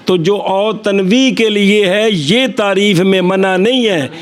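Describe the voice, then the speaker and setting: A man with a high voice and a Punjabi accent teaches Arabic grammar to a class. He speaks in short phrases and pauses so that his students can echo his words back. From Punjab, Pakistan. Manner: explains in short phrases, then prompts students to repeat. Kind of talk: classroom lecture with call-and-response.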